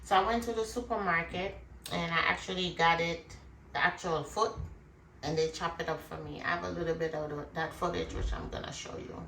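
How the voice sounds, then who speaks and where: Deep and gravelly yet fairly bright, this woman's voice comes from a cooking vlog host chatting conversationally to her viewers during a demonstration. The mic is far off in a roomy space, with music playing behind and slight background noise.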